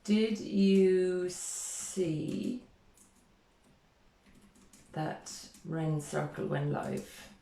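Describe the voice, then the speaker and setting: A woman's voice: on the low side, extremely slow, pauses often, warm tone, roomy sound, slight background noise. A middle-aged woman hosting a casual live-stream interview, chatty with many fillers and restarts. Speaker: host. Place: small room indoors.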